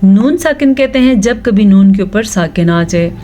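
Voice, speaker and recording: A woman teaching Quran recitation rules, reciting verses slowly and drawn out, then explaining each rule. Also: mid-range voice, lively intonation, mellow. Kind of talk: slow recitation lesson with explanations.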